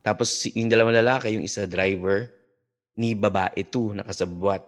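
A man, a podcast guest, telling a story in casual talk, halting and full of fillers and restarts. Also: on the low side, steady tone.

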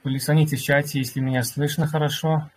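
A man with a slightly husky voice hosting an online workshop, addressing listeners in a courteous customer-service manner. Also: a little high, flat delivery, fast, rough recording. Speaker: host of an online crypto community workshop. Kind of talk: polite announcing to online listeners.

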